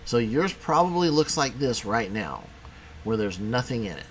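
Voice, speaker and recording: A man teaching a programming lesson in a casual, conversational way, talking as he clicks through software. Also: mid-range voice, sing-song, moderate pace, a little hiss or hum. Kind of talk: screen-recorded coding tutorial.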